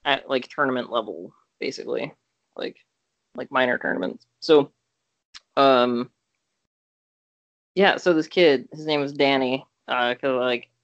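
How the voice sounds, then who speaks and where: A man's voice: medium pitch, unhurried, long pauses, a bit bright, no room sound, muffled recording. A young man co-hosting a podcast, telling a story in casual chat, rambling with lots of fillers and restarts. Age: young adult. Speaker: podcast co-host.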